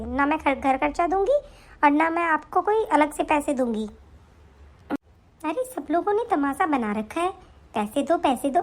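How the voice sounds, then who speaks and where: महिला द्वारा सपना: डाँटती, ताने देती, ऊँची आवाज़ वाली बहू, कार्टून कहानी।. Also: female voice, high voice. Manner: scolding, sharp and taunting. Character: young wife Sapna, harsh, stingy and scornful. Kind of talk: animated story voice acting.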